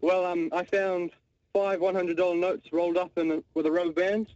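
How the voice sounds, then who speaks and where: Hesitant fast-talking male radio caller. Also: high-pitched, flat delivery, a little mellow, lo-fi sound. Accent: New Zealand. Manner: hesitant, many ums. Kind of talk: telling a story on a call-in. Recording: caller audio on a radio broadcast.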